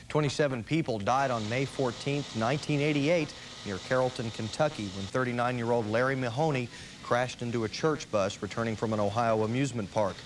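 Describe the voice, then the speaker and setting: A man's voice: medium pitch, rough recording. A man reading scripted television news as an anchor. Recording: hissy early 1990s TV broadcast.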